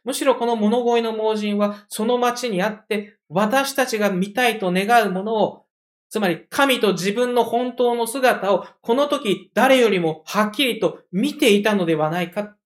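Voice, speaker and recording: A preacher delivering a measured sermon, explaining a passage with occasional conversational asides. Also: medium pitch.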